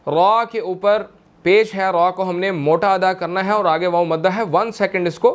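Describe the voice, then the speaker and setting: A young man with a Pakistani Urdu accent teaches Quran recitation, patiently explaining and repeating words slowly to model their pronunciation, with slow melodic recitation between explanations. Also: high-pitched. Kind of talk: tajweed lesson, explaining and demonstrating.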